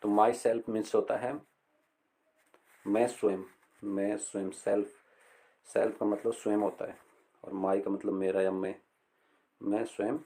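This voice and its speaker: A middle-aged male teacher explaining an English lesson slowly and patiently, repeating words and reading phrases aloud. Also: on the low side, flat delivery, warm tone.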